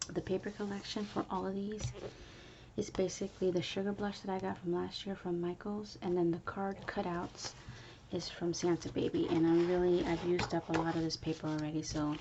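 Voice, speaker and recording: A woman chatting in a soft whisper at home early in the morning, showing her handmade planners. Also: lowish voice, creaky, lo-fi sound, noisy background.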